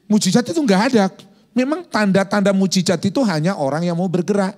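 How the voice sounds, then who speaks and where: A male pastor delivers a sermon as lively storytelling, acting out quotes and sound effects. He talks fast in a high-pitched voice.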